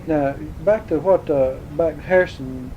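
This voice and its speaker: A man's voice: a little slow, lo-fi sound. A man with a Southern US accent, conducting an informal oral history interview with folksy, probing questions. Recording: faint rumbling noise on home tape.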